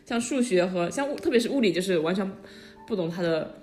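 A woman's voice: mid-range voice, expressive, a little fast, a little mellow, soft background music. A young woman co-hosting a podcast, chatty and laughing often in casual conversation. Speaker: podcast co-host. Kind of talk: casual chat.

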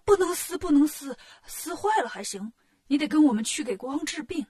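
A woman's voice: high-pitched, lively intonation, brisk, darkish tone. A woman voicing anxious male palace soldiers in a storybook tale, urgent and pleading.

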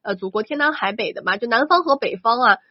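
A woman's voice: a little high, animated, fast, no echo, lo-fi sound. A woman co-hosting a radio show, chatty and announcing discussion topics in casual on-air banter. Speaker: radio co-host.

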